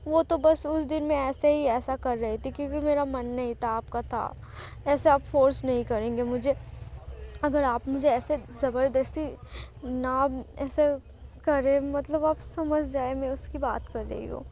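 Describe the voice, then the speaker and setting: A woman's voice: sits high, steady tone, unhurried, darkish tone, a little hiss or hum. Woman voicing a shy pouting young wife. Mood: pleading.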